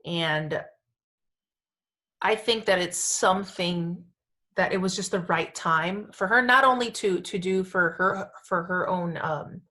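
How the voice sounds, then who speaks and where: Speaking slowly in a lowish voice with a sharp tone, this podcast co-host chats casually and emphatically. She gushes informally, sprinkling in plenty of "like" and "you know".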